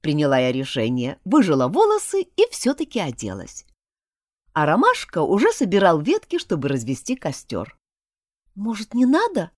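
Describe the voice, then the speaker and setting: A woman narrating an audiobook in the first person, in a wry, expressive way. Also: deep voice, normal speed, no room sound, clean studio sound.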